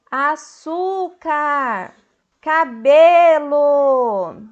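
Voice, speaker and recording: A Brazilian Portuguese-accented woman teaches a recorded lesson in a slightly high voice. She speaks at an unhurried pace, explaining patiently and clearly to children. In her examples she calls out words a little louder and stretches the stressed syllable. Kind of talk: recorded online school lesson.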